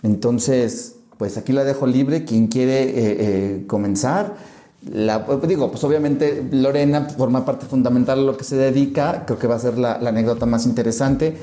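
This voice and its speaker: A man hosts a relaxed podcast discussion with an energetic, restarting manner. His voice is warm and dark. The room around him sounds echoey. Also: medium pitch, moderate pace. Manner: energetic, many restarts, steers the conversation. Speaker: podcast host and moderator.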